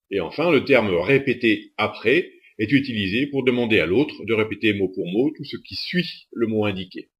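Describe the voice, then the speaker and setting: Male instructor, scripted lesson narration, even methodical read. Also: mid-range voice, muffled recording. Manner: steady, methodical delivery.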